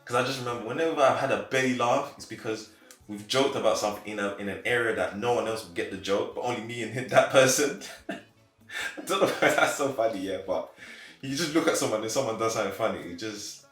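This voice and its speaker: A young man in his twenties answering interview questions casually, animated and quick to laugh. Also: on the low side. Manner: animated, laughs easily, acts out quotes. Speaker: interview guest. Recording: roomy echo, faint background music.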